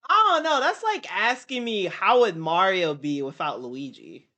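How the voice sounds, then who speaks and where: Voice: mid-range voice, sing-song, a little slow, sharp tone. A young adult streamer chatting casually in a slangy, repetitive, exclamatory way. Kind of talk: casual reaction chat.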